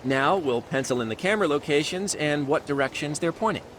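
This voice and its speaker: Speaking a little fast with a fairly high, animated, natural voice, a male actor plays a man briefing his detective partner on a case for a video game cutscene. The tone is explanatory, with background music and a noisy background.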